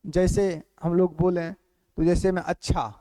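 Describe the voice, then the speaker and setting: A man teaching a grammar class who repeats phrases slowly for note-taking and keeps asking quick check questions. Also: sits high, little pitch movement, mellow, dry recording. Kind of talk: classroom lecture.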